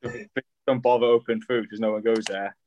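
A man's voice: on the low side, level tone, brisk, a little mellow, lo-fi sound. A young man from Swansea with a Swansea Welsh accent, chatting casually as a guest on a podcast. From Swansea, Wales. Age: young adult.

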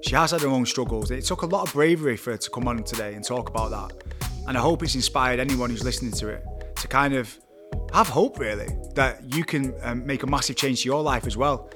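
A man hosts a podcast in a casual, chatty style. He talks quickly at an average pitch and sounds supportive and encouraging. Faint music can be heard behind him. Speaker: podcast host. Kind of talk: casual interview chat.

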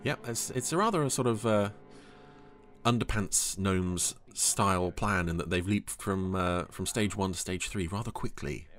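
A man's voice: sits low, normal speed, music in the background. A man giving casual, humorous commentary on an episode, with dry, hesitant asides.

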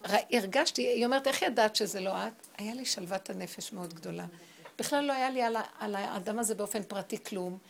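A middle-aged woman giving a spiritual talk, telling personal stories in an animated, emphatic way. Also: mid-range voice, gravelly. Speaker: spiritual teacher.

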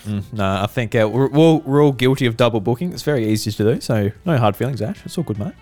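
Casting: male Australian podcast host, lively swooping delivery, teasing banter, music faintly part of the track. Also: medium pitch, fast talker. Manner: joking, teasing. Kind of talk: casual banter among friends.

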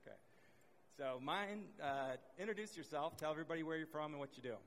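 A man's voice: fairly high pitch, lively intonation, quick pace, fairly bright tone, slight background noise. Laid-back middle-aged male host. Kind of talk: casual panel talk.

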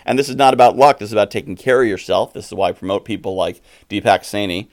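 A man's voice: fairly low pitch, steady tone, fast. A middle-aged man hosting a podcast, delivering an earnest, emphatic motivational monologue. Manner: earnest, emphatic, advice-giving. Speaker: podcast host.

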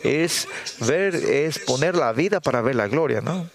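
A middle-aged man preaching a sermon as pastor, halting with fillers and tag questions and acting out prayers in a raised voice. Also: a little high, animated, vocal fry, crowd noise. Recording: congregation audible behind.

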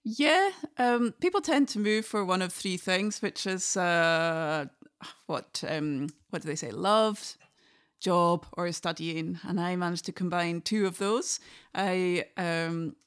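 A woman with a Highland Scottish accent, chatting reflectively and telling anecdotes as a podcast guest. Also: slow, clear, resonant tone. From Inverness, north of Scotland. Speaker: podcast guest, fiddle player. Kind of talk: casual interview conversation.

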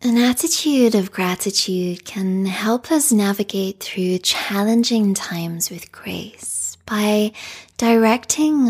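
A woman with a soft, breathy, whispery, mid-range voice leads a guided meditation. Her tone is calm, soothing and meditative.

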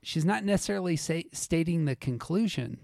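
A man's voice: fairly high pitch, expressive, moderate pace, vocal fry, darkish tone, dry recording, clean studio sound. A man hosting a podcast, casually recapping and discussing a TV episode, narrating scenes as he goes. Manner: narrates scenes, reads out quotes, laughs easily. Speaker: podcast host.

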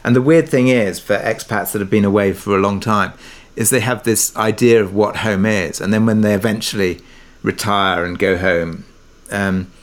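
The voice is fairly low with fairly even intonation and a moderate pace. He's a middle-aged Briton, partly raised abroad in Kuwait, who creates audio dramas and answers interview questions in a hesitant, thoughtful way, frequently rephrasing.

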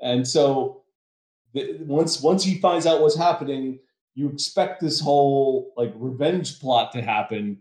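A man's voice: mid-range voice, measured pace, darkish tone. A man co-hosting a casual podcast, giving an opinionated rant. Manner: opinionated, ranting. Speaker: podcast co-host. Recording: roomy echo.

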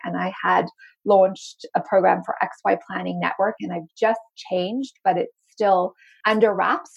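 Woman guest, mostly American with traces of a Zimbabwean accent, enthusiastic, husky, on muffled lo-fi audio. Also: mid-range voice. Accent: light Zimbabwean and South African, mostly American. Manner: enthusiastic, earnest. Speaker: marketing coach and podcast guest. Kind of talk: casual podcast conversation.

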